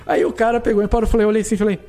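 Brazilian guy rambling thru a story, repeats himself, does the other people's lines, kinda dark voice. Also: high voice, rapid-fire. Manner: animated, repetitive, acts out dialogue. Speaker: guest, footballer. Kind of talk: casual storytelling.

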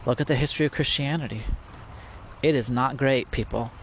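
A man's voice: medium pitch, fairly quick, a bit bright, a little hiss or hum. A man hosting a podcast, talking through a topic in a casual, reflective monologue full of restarts and rhetorical questions.

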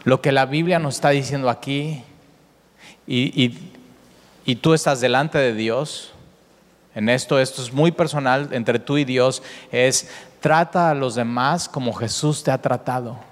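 A man's voice: mid-range voice, unhurried. A man preaching a sermon as pastor, earnest, often rephrasing himself and circling back to a point. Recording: long reverb of a large hall.

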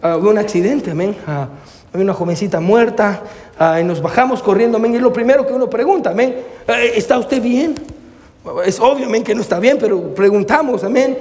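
The voice is a man's, high and quick with a darkish tone, preaching a sermon as a pastor. Amén and hermano pepper his speech alongside English phrases, and he restarts hesitantly while telling stories, recorded with long hall reverb.

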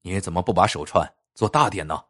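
A fretful old prefect, as a storyteller puts him on, his voice dropped low and husky. He begs, then scolds, always worried about his own neck. The storybook official sounds strained and urgent. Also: brisk, a bit bright. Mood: anxious. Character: anxious older male prefect, official.

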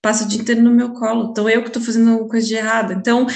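A woman's voice: fairly high pitch, level tone, very fast, gravelly, echoey room. A woman with a Brazilian Portuguese accent, asking questions in a casual conversation and thinking aloud in a hesitant way, with restarts.

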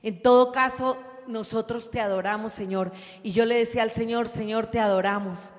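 A woman preacher giving a fervent sermon, building to loud, emphatic calls. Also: a little high, fairly even intonation, moderate pace. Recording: long hall reverb.

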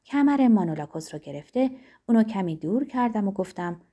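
A woman narrating a novel in a measured, expressive storytelling voice. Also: medium pitch, husky. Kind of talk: scripted audiobook narration.

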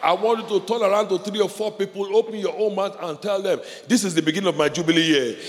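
A pastor preaching a sermon with passion, repeating phrases and leading the congregation in call-and-response. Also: male voice, high voice, quick pace. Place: church hall. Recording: reverberant hall with faint background noise.

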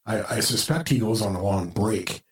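Husky-voiced male podcast co-host. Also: lowish voice, moderate pace, low-quality recording. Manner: chatty, rambling with restarts. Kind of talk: casual wrestling chat.

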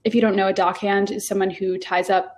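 Speaking fairly quickly in a level, mid-range voice, this twenty-something Rhode Island woman chats casually as an interview guest. She rambles through her story with plenty of fillers and restarts.

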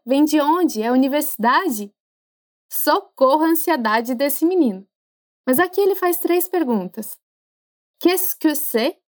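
A woman with a high voice gives a podcast French lesson. She is chatty and encouraging, and she slows down to model how phrases should sound. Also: darkish tone. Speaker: French teacher.

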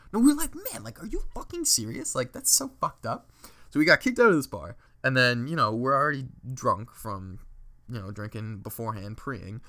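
Full of fillers, curses and laughs, this young Ontario man's casual party stories wander freely. His voice sits in the mid range and sounds pushed and bright.

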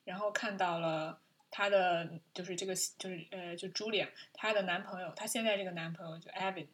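A woman's voice: fairly low pitch, brisk. Laughing, chatty woman podcast host. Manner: animated storytelling, frequent laughter, many restarts. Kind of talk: casual chat about a film.

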